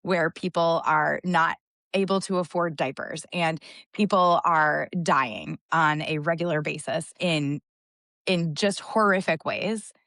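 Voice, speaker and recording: A woman telling a story in a casual podcast chat, fired up and rushing through long run-on sentences. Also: deep voice, fairly bright tone, no room sound, clean studio sound. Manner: impassioned, rapid run-on storytelling.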